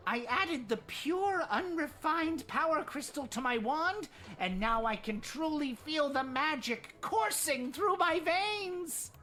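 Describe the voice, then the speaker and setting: A woman voicing an excitable, pompous and possessive magical creature in a video game, in a theatrical manner. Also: high voice, slow pace, exaggerated voice. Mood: pompous, gloating. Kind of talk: video game character acting.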